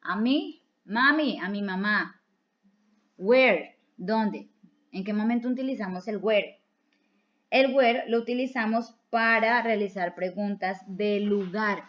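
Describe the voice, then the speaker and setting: Speaking slowly at a medium pitch, a woman from Colombia walks learners through a recorded online English lesson step by step, patiently repeating important words in both languages. The sound is dull and lo-fi.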